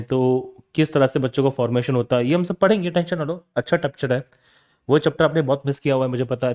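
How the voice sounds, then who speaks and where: A man's voice: medium pitch, a little mellow. A young adult man giving a science lecture to students, repeating each question and answering it himself, calling the students "beta". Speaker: teacher. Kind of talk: classroom lecture.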